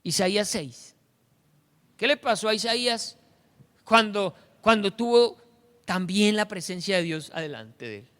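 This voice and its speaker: A man with a Colombian accent preaching a sermon as pastor, animated, acting out the voices of the people he quotes. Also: sits high, measured pace, pauses often. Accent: Colombian Spanish. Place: church sanctuary. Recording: echoey church hall.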